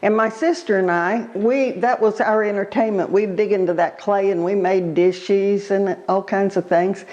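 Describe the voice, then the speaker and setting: An elderly woman reminisces in an interview in a halting, unhurried way, pausing as she recalls. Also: medium pitch, steady tone, darkish tone, dull audio. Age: elderly, born 1936. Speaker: oral history interviewee.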